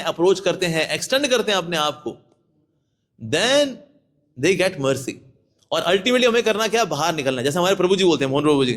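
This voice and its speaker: Lively high-voiced monk preaching. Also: male voice. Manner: lively, acts out people with sudden voice shifts. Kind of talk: devotional talk to devotees.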